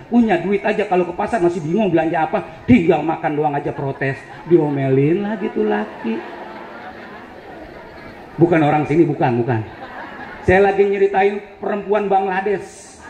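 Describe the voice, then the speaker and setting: A male preacher with a high voice and dark tone tells a joking, teasing story during a humorous sermon in a campus event hall. The lo-fi recording is echoey, with slight background noise and a faint crowd.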